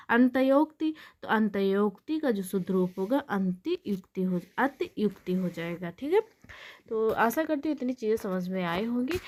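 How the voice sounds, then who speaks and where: A woman's voice: medium pitch, a little mellow. A woman teaching an exam-prep Hindi lesson, explaining spelling errors by repeating each word and asking and answering her own questions.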